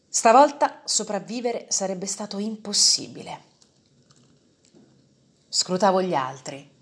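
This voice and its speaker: A woman reading a first-person story aloud in a measured, dramatic way. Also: on the low side.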